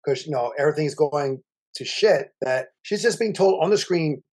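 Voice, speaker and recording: Man, co-host, casual film chat, rambling, animated, a bit high-pitched. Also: normal speed. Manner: rambling, animated, many restarts. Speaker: podcast co-host.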